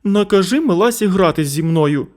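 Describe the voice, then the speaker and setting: A man's voice: high-pitched, lively intonation, moderate pace, a little mellow, pitched above the performer's own voice. A man voicing a capricious three-year-old boy in a children's story. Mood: whiny. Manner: capricious, pestering. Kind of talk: storybook narration.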